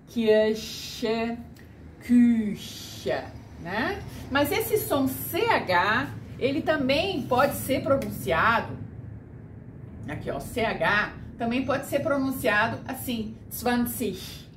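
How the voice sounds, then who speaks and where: Slow patient woman teaching pronunciation. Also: fairly high pitch. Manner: patient, demonstrates sounds slowly. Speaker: German teacher. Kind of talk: pronunciation lesson. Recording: echoey room with faint noise.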